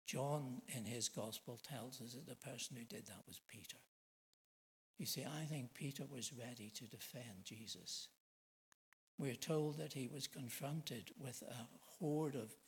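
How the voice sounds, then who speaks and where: A man's voice: mid-range voice, low-quality recording. Middle-aged male preacher, mid-range voice, earnest and emphatic sermon delivery with rhetorical questions.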